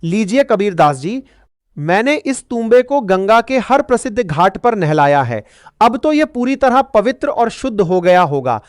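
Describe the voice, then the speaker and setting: A woman's voice: medium pitch, very animated, unhurried, no echo, clean studio sound. A woman doing a proud male priest. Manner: boastful, self-assured. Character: proud middle-aged male temple priest.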